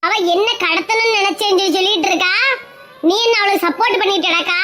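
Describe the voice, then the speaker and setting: A woman playing a shrill, scolding village woman. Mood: furious. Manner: scolding, rapid and mocking. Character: sharp-tongued village woman, quarrelsome and bossy. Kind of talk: village comedy skit acting. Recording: loud background noise.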